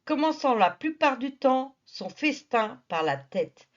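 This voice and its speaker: A woman's voice: sits high, big pitch swings, slow pace, highs cut off. A woman narrating a nature documentary in a familiar, teasing storytelling manner. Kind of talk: nature documentary narration, playful asides to the viewer.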